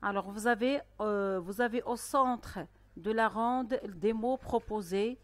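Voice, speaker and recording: A woman teaching a primary school spelling lesson, speaking slowly and carefully with pauses between phrases. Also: mid-range voice, dry recording. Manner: slow, careful dictation-style delivery with pauses. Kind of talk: recorded online lesson.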